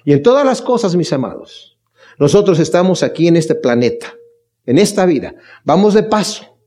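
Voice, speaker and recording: A man's voice: fairly high pitch, expressive, normal speed, dark tone. A man preaching a Bible study sermon, speaking earnestly and emphatically, asking his listeners rhetorical questions and addressing them fondly. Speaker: pastor leading a Bible study.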